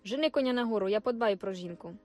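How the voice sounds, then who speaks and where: A woman's voice: mid-range voice, quick pace, a little mellow, faint music behind, lightly acted. A woman reading the lines of a brash, dismissive young male soldier, curt and commanding. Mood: brusque.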